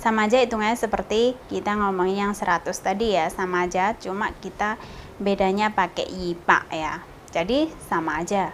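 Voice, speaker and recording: A woman giving a casual spoken lesson, slowly repeating example words in a lifted voice. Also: mid-range voice, fairly even intonation, a little hiss or hum, poor audio. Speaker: language teacher.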